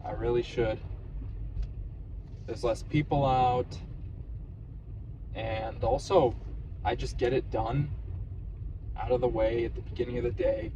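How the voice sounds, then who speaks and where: A man's voice: mid-range voice, fairly even intonation, measured pace, long pauses, highs cut off, noisy background. A man talking casually and a little hesitantly to his vlog audience, in a conversational solo style. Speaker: running vlogger.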